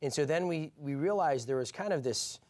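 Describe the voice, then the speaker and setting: A man who is a guest on a studio talk show, answering in a relaxed, thoughtful way. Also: fairly high pitch, a little fast. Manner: relaxed, thoughtful, many fillers. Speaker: guest, co-founder. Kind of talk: studio interview.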